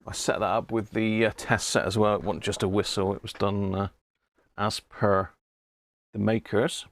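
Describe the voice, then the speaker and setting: Chatting live to his viewers from a radio room indoors, a British CB radio enthusiast rambles and muses aloud with friendly asides. He speaks at normal speed in a fairly low, flat voice.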